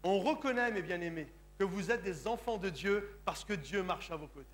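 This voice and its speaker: Speaking in a high, expressive voice at a moderate pace, a French pastor of Sicilian heritage gives an emphatic sermon in church. He often asks his listeners whether they understand: "Comprenez-vous?".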